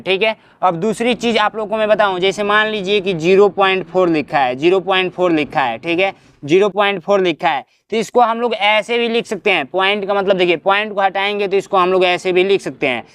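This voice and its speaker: Man, maths teacher, exam-prep lesson, step-by-step explaining, high voice, dry close sound. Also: fairly bright tone, smooth, no room sound. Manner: explains step by step, tag-question fillers.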